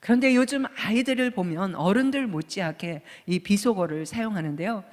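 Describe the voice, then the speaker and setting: A woman's voice: mid-range voice, a little fast, a little mellow. A Korean woman pastor in her fifties giving a conversational sermon, asking the congregation rhetorical questions. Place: church sanctuary. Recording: long church hall reverb.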